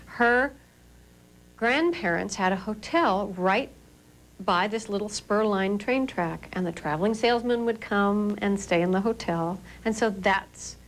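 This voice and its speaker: A woman's voice: mid-range voice, a little slow, low-quality recording. A woman in an interview, telling family anecdotes in a chatty way. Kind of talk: casual interview. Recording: noticeable background noise.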